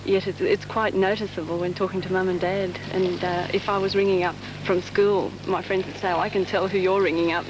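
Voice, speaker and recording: On a hissy 1970s TV documentary recording, a woman from the Netherlands reflects hesitantly and thoughtfully in an interview. Her voice sits on the low side with little pitch movement, and she talks fairly quickly with few pauses.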